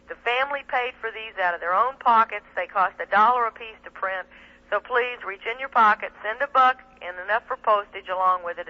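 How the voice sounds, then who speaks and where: Over a muffled, band-limited line that sounds like 1990s shortwave radio and a telephone, a woman with a mid-range voice makes her case. She's a guest, attorney and activist, speaking emphatically and indignantly in an impassioned talk radio interview.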